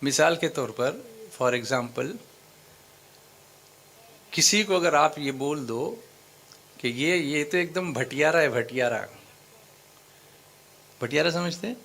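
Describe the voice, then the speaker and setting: A man's voice: a little high, pauses often, fairly bright tone, slight background noise. A man preaching at a religious gathering. He explains things step by step, quizzes the audience, repeats phrases for emphasis and mixes English words into his speech. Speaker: Islamic preacher. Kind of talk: sermon lecture to a gathering.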